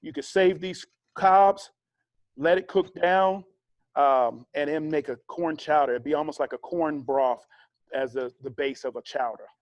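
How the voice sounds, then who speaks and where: Male cooking instructor, higher-than-average voice, relaxed conversational demo style. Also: a little slow, dry recording, muffled recording. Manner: chatty, relaxed, with fillers and asides. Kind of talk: casual cooking demonstration.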